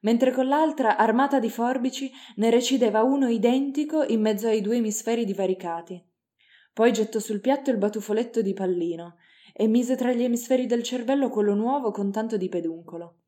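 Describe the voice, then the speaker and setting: Woman narrator, warm mellow tone, measured dramatic audiobook reading. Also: fairly high pitch.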